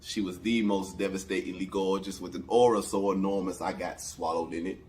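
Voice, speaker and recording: A man performing spoken word poetry in a measured, dramatic, rhythmic delivery. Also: low voice. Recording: noticeable background ambience noise.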